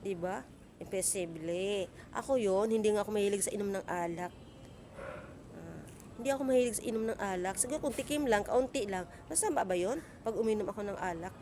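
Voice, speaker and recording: A woman's voice: medium pitch, brisk, mellow, slight background noise. A middle-aged woman vlogging in a casual rant, indignant and scolding, with lots of rhetorical questions. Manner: talkative, asks rhetorical questions.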